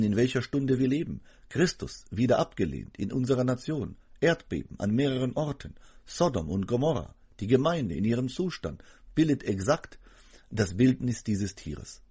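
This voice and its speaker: A man's voice: fairly low pitch, a little mellow, slightly rough. A man delivering a sermon as a voice-over, addressing the congregation in an earnest, emphatic preaching manner.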